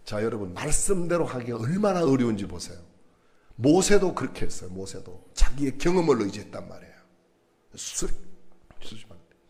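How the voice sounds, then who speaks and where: Man preaching a sermon in church, lively pitch swings, keeps asking the crowd questions. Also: vocal fry. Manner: animated preaching, questions to the congregation, acts out quotes. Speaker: pastor.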